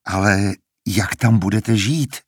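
A man's voice: lowish voice, breathy edge, no echo, clean studio sound. A man voicing a cautious young man who keeps questioning a risky plan, in a storybook reading. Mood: doubtful. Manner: skeptical, questioning.

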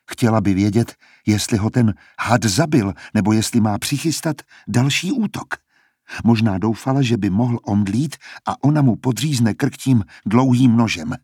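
A man narrating an audiobook with a husky, somewhat low voice. He reads in a steady, measured way, recorded close and dry with no room sound. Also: no echo.

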